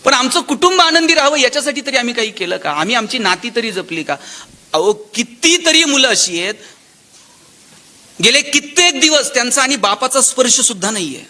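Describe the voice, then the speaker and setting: A man giving a motivational public lecture, telling stories and voicing the people in them, swinging between loud exclamations and soft asides. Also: very high-pitched, expressive, brisk. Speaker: motivational speaker.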